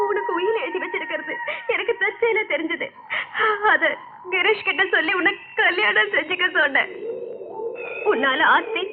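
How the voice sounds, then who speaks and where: A shrill, very high female voice, crying and begging in fear. She is a guilt-ridden young woman pleading for mercy in an old film drama. The sound is tinny and thin, like an old movie soundtrack heard down a phone line. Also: very noisy. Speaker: frightened woman pleading with a ghost. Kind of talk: film melodrama acting.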